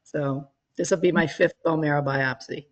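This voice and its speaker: A woman's voice: low-pitched, fairly even intonation, normal speed. A woman in a support group chatting over a video call, matter-of-fact and often laughing. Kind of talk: casual chat.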